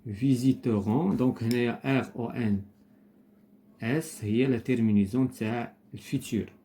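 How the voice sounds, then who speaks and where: A man's voice: medium pitch, steady tone, warm tone, a little hiss or hum. Moroccan man teaching a lesson. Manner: switches between Moroccan Arabic and slow, deliberate French. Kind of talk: lesson explanation.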